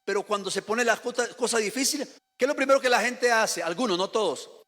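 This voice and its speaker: In a high-pitched, fairly bright and brisk voice, a male Costa Rican pastor gives a Sunday sermon, speaking straight to his congregation, asking questions and having them repeat after him. The sound carries the reverb of a church hall sanctuary.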